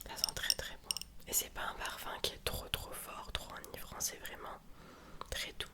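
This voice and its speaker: Whispering gently despite a cold and sore throat, a woman who makes ASMR videos slowly presents a sponsored box, unboxing it in a soft, calm product read.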